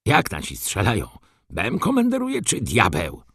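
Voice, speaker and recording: A man's voice: on the low side, huge pitch swings, measured pace, fairly bright tone, slightly rough, no echo, pitched above the performer's own voice, exaggerated voice. A man voicing an old army sergeant in a storybook reading, muttering dry, wry remarks. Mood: astonished.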